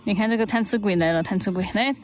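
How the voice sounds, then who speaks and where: A woman's voice: medium pitch, fast talker, a little hiss or hum. A woman hosting a casual livestream in an outdoor park, chatting, teasing and cooing in baby talk on a handheld phone. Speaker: livestream host.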